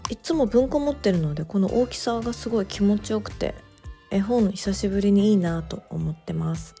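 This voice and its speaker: A woman narrating her vlog in a relaxed voice-over, chatty and gently enthusiastic, with soft fillers. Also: mid-range voice, a little fast, gravelly, soft background music. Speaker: bookstore owner vlogger.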